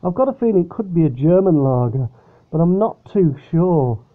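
A man's voice: a little high, expressive, normal speed. Rambling man, tinny phone-like sound. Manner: rambling, hesitant, chatty. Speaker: vlogger reviewing drinks. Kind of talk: casual product review. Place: upstairs bedroom at home.

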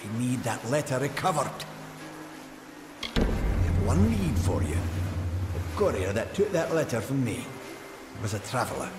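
An anxious gnome scribe from a fantasy game, hesitant and fretful. His pitch swings about in a lively way. The voice rings in a long hall reverb, with clear music behind it. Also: measured pace, long pauses. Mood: worried explaining. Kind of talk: video game character dialogue.

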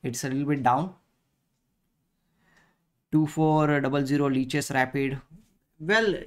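Indian-accented man, halting and casual. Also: medium pitch. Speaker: chess instructor and live stream host. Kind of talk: casual live stream chat while playing chess.

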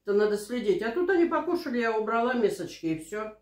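A woman in her sixties, a mukbang vlogger, chats casually and tells anecdotes while eating at home in a small living room. Her voice is a little high, darkish and very animated, and she talks quickly. A camera across the table picks her up in a roomy, echoing space.

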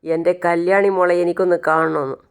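Remorseful old dad begging to see his girl, keeps calling his friend anna, smooth clear voice, narrator doing him. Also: mid-range voice, level tone, fairly quick, lightly acted. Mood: pleading. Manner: pleading, tearful, repeats "anna". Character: remorseful aging father pleading to see daughter.

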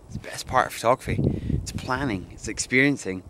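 Speaking fairly quickly at a medium pitch, a young photographer with a cold thinks out loud, full of enthusiasm, about his shooting plans. He's filming a vlog on a windy hilltop, with a hand-held camera mic at varying distances catching the wind.

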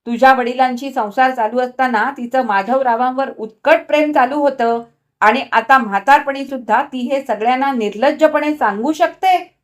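A woman's voice: high voice, measured pace, voice pushed up. A woman voicing an angry, scornful husband in a storybook reading, sneering and biting.

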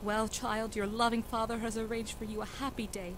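A woman playing a cold, impatient noble mother who talks to her daughter briskly and sternly. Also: fairly high pitch, flat delivery, background noise, natural voice. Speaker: student actor in a school reading.

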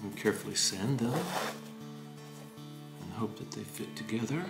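Older man calmly explaining woodworking. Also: fairly low pitch, vocal fry, over loud music. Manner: calm, unhurried explaining with occasional fillers. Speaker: woodworking channel host. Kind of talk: scripted history narration and workshop demonstration.

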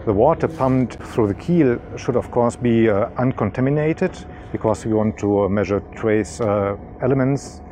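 A man's voice: mid-range voice, normal speed, few pauses, mellow, faint music behind. A middle-aged man, a marine scientist, explaining equipment outdoors on a yacht deck, with frequent hesitations. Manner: hesitant, many uh fillers. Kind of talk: on-camera explanation.

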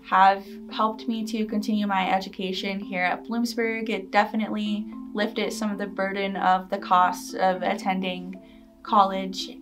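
A young woman student answering interview questions earnestly and casually in a studio. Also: medium pitch. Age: young adult. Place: studio in front of blue backdrop. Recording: distant mic with music underneath.

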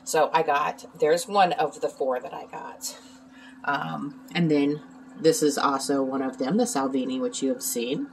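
A woman with a low voice talks casually beside her aquarium at home. She has the hiccups and keeps pausing with ums and little excuse-mes. A faint hum of room ambience sits behind her. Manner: halting, filler-heavy, with hiccups and throat clearing. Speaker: aquarium hobbyist vlogger. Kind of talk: casual vlog.

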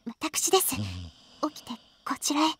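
A woman's voice: sits high, lively intonation, unhurried, noisy background. A woman playing a refined, proud teenage heiress in a Japanese visual novel game, speaking in formal, ladylike, polite phrases. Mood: hushed, polite.

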